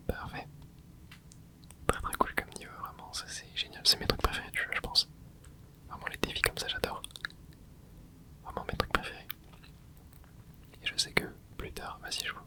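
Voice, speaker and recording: A gaming ASMR host whispers relaxed running commentary over a video game, keeping an easy pace and dropping in quick little fillers. The soft, breathy, unvoiced whisper sits right up against a close microphone.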